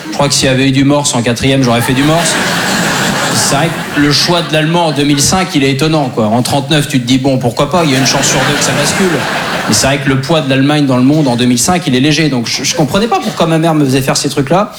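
A man's voice: mid-range voice, fast talker, very noisy. A young man with a French accent doing conversational, self-deprecating stand-up comedy on stage. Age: young adult. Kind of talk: stand-up comedy routine to a live audience. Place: comedy stage in front of an audience. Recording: live show with audience laughter. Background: crowd laughter.

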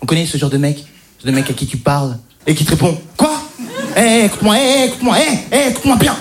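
A stand-up comedian from the French suburbs tells an exaggerated story about school, full of hesitations and mock voices. His voice is high-pitched and quick, with crowd noise behind him.

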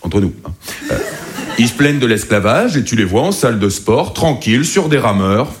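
A man's voice: mid-range voice, lively intonation, moderate pace, crowd noise. A male stand-up comedian delivering crude, boastful and self-mocking one-liners. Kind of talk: stand-up routine. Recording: loud background noise, live show.

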